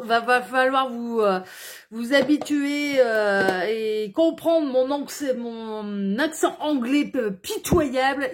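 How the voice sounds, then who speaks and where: A woman hosting a casual tarot reading to camera, chatty and full of hesitant fillers and tag questions. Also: sits high. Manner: chatty, sprinkles "hein, d'accord" tag questions. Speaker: tarot card reader and channel host.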